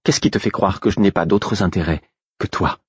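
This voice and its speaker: A man's voice: low-pitched, moderate pace, breathy edge, no echo. A man reading an audiobook, voicing a proud young woman who answers in curt, cutting replies. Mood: cold. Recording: dull, dry recording.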